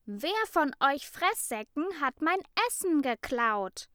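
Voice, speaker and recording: A woman voicing an angry, bossy schoolgirl who shouts accusations in a storybook reading. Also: high-pitched, big pitch swings, takes it slowly, no echo, clean studio sound, pitched above the performer's own voice, full character voice. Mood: furious.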